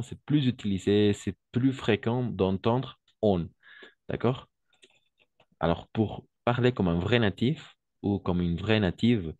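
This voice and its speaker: A man's voice: on the low side, a little mellow, dry recording, muffled recording. A man teaching French to Spanish speakers, explaining patiently, switching into Spanish and checking in again and again. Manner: slow, patient explaining, constant "d'accord?" checks.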